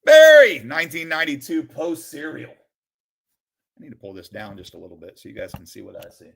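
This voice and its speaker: A man streaming live as he sorts through a collection, calling out names with bursts of excitement and then dropping into quiet muttered asides. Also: lowish voice, fairly quick, vocal fry, a little hiss or hum. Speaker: sports card streamer opening a collection. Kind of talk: live-stream commentary while sorting cards.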